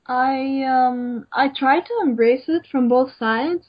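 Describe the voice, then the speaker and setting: A young Egyptian woman, an emerging designer, answers questions in a casual interview with a high-pitched, slow voice. She sounds hesitant, with lots of "um"s and "like"s. The sound is dull and lo-fi.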